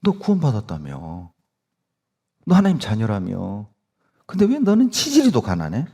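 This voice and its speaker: A man's voice: fairly low pitch, wildly swooping pitch, moderate pace, dark tone, husky, full character voice. A male preacher voicing the devil as a mocking, needling accuser who whispers doubts. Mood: taunting.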